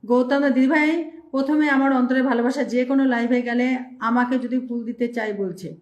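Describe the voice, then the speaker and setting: A woman's voice: sits high, fairly even intonation, moderate pace, a little mellow, reverberant, highs cut off. A woman hosting a live stream, reading out viewer names and thanking them one after another in speech.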